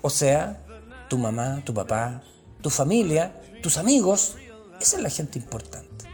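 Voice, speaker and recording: A man's voice: fairly high pitch, big pitch swings, a little slow, darkish tone, faint music behind. A man with a Chilean accent delivering a profane, slangy and sarcastic comic rant. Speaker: comedian.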